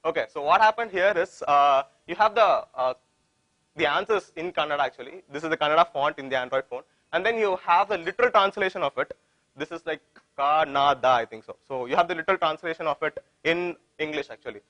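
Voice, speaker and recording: A man's voice: fairly high pitch, lively intonation, fairly quick, bright, forceful tone, no room sound, dull audio. A man with an Indian accent giving an informal technical presentation, often repeating phrases and posing questions that he answers himself. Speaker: tech conference presenter.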